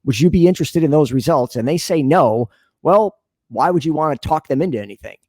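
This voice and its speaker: Brisk and warm, his fairly high voice has lively intonation as he answers an interviewer's questions. The sales leader and business consultant speaks earnestly and conversationally as a podcast guest, often voicing imagined back-and-forth. The audio is clean studio sound with no room sound.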